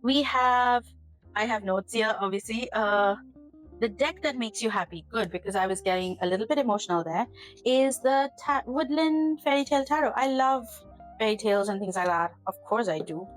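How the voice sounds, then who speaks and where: A woman's voice: fairly high pitch, animated, normal speed, soft background music, poor audio. A woman hosting her own tarot channel, chatting casually to camera from her kitchen in an earnest, rambling way that turns emotional. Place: home kitchen.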